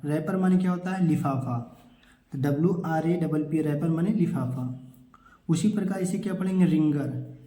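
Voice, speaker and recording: A man's voice: a little high, mellow. Male teacher drilling rules in an echoey room. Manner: repetitive, drills rules, asks and answers his own questions. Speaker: English teacher. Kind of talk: classroom-style lesson.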